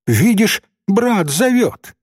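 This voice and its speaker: A man's voice: high voice, big pitch swings, takes it slowly, breathy edge, dry recording, studio quality, voice pushed up, full character voice. A man reading a story voices a small, self-important boy messenger who talks in a stern, know-it-all way. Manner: pompous, sententious.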